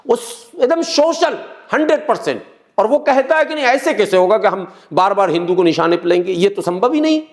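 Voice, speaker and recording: An interview guest, a middle-aged man, speaks in a notably high register. He explains patiently and earnestly, returning to the same phrases to drive each point home. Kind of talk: political interview talk.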